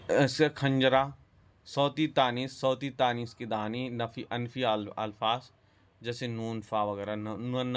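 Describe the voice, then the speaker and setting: A man giving a spoken lesson on speech sounds, pausing often, correcting himself and dropping in English terms. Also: medium pitch. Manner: halting, self-correcting, mixes English terms. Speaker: teacher. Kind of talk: spoken lecture on phonetics.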